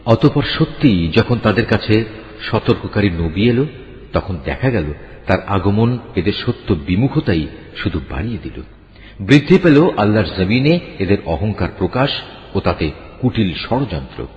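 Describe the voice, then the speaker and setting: A man giving a solemn, measured reading of a scripture translation. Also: on the low side, very animated. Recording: echoey hall reverb, dull lo-fi sound.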